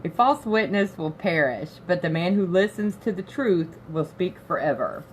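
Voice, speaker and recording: A woman's voice: on the low side, expressive, normal speed, a little hiss or hum. A woman co-hosting who reads scripture verses and teases her partner, speaking from farther off the mic. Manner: teasing and sassy. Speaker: co-host reading scripture. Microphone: off-mic, farther than the host.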